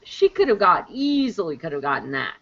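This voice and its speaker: A woman co-hosting a casual chat about a TV episode, unhurried and chatty, trailing off into fillers and laughing easily. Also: on the low side, very animated, creaky, dull audio. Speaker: podcast co-host.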